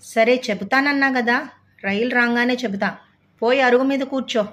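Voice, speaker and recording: A woman's voice: mid-range voice, moderate pace, lightly acted. A woman voicing an irritated middle-aged male traveler who speaks in curt, stern lines.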